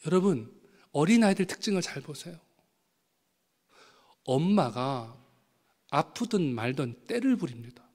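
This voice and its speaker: A man, a pastor, preaching a sermon with animated storytelling, acting out voices from his anecdotes. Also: a little high, measured pace, pauses often. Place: church sanctuary. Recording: long hall reverb.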